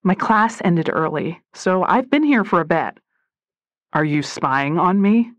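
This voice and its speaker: A woman's voice: lively intonation, unhurried, no echo. A woman narrator voicing a hurt young woman who pleads and demands answers from her lover. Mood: upset. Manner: pleading, rising to shrill.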